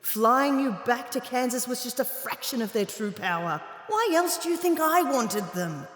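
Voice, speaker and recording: A woman's voice: a little high, big pitch swings, normal speed, fairly bright tone. An actress playing a scornful, imperious witch who scolds from inside a girl's head in a fantasy audio drama. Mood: scornful irritated. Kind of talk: full-cast fantasy audio drama acting. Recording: roomy, long echoing reverb.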